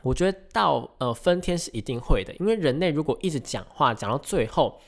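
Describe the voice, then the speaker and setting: A male podcast host talks casually and at length, often pausing to hesitate and correct himself. His pitch jumps around a lot, which gives the explanations an animated, conversational feel. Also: vocal fry. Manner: chatty, rambling, frequent hesitations and self-corrections.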